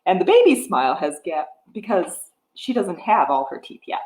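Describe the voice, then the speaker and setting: A woman in her forties reading a picture book aloud to toddlers in a sing-song way, pausing to ask them simple questions. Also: fairly low pitch, wildly swooping pitch, a little mellow. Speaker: children's storytime host. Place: wood-floored living room with a piano, indoors. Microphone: webcam or device mic at about arm's length. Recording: echoey room, device microphone.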